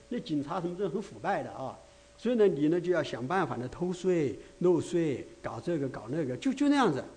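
A man's voice: a little high, dark tone. A man preaching a conversational sermon, full of rhetorical asides, restarts and filler sounds.

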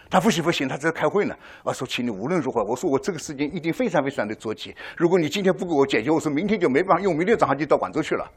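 An older man giving a testimony sermon to a congregation, telling his story with animated voices and often asking the listeners "right?". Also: a little high, slightly rough. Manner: frequent rhetorical "right?" to the audience.

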